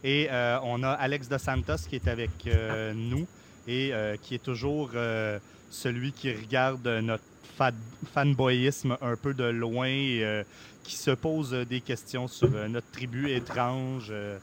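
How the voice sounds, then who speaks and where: A man with a Québécois accent hosting a podcast casually, in a halting, hesitant way. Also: medium pitch, fairly even intonation, slight background noise. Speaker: podcast host.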